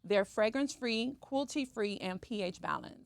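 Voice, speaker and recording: A woman with a higher-pitched voice, lively intonation, moderate pace and some vocal fry is a guest on a podcast. Born in Cuba and living in the US since she was three, she works as an esthetician and runs a skincare brand, chatting casually and regularly checking in with the listener.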